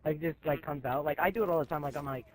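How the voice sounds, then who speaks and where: A high-voiced teenage boy in high school races through a story for his friends, slangy and animated as he acts out both sides of each conversation. The recording quality is low.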